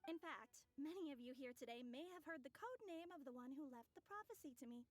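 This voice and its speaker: Confident young witch, polite, theatrical, high pitch, video game acting, music behind. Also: animated, fairly quick. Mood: poised. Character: composed, courteous, confident young witch successor.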